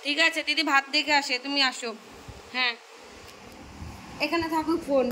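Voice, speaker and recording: A woman's voice: sits high, steady tone, normal speed, background noise. A young woman coaxing her pet in casual, sing-song baby talk, cajoling and repeating herself.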